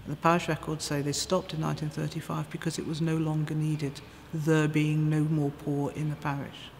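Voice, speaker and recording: A woman's voice: sits low, completely flat delivery, moderate pace, darkish tone. A middle-aged woman, a food bank project manager, speaking earnestly and forthrightly in an interview inside a church. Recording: reverberant church with faint noise.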